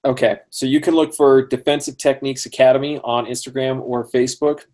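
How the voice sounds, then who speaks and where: A man's voice: mid-range voice, little pitch movement, a little fast, darkish tone. A man hosting a casual interview, friendly and talkative, often laughing and using many fillers. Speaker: podcast host.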